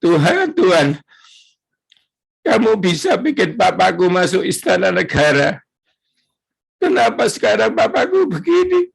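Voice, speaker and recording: Javanese guy doing his crying son, pleading, voice up high, gravelly. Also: very animated, a little slow, long pauses, exaggerated voice. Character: tearful young son praying desperately.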